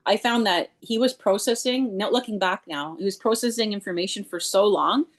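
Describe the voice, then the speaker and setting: A woman's voice: mid-range voice, normal speed. A woman from Canada, the parent of a deafblind teenager, telling her story on a video call with candid, rambling phrasing and many "like" fillers. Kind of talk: online group discussion.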